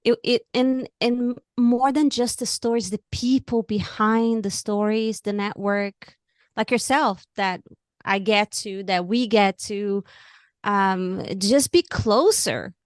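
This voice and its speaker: A woman from Brazil with a Brazilian Portuguese accent, a guest on an interview show who speaks earnestly and haltingly, often repeating words while she searches for them. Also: mid-range voice, fairly even intonation, dry recording, studio quality. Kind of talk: candid interview talk.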